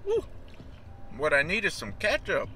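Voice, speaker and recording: A young man chatting casually with his mouth full of food while reviewing it, slangy and relaxed. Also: sits high, a little slow. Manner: casual, slangy, talks between bites.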